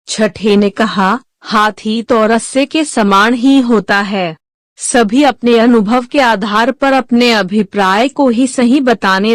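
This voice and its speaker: A woman giving slow, measured scripted narration of a religious teaching. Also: fairly high pitch, dry recording. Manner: slow, even, measured delivery.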